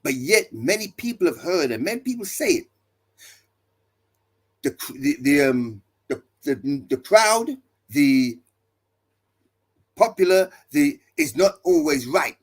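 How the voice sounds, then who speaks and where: A man's voice: a little high, very animated, takes it slowly, long pauses, husky. A male pastor preaching to listeners, building his points with emphatic repeated refrains and rhetorical questions. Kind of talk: preaching talk.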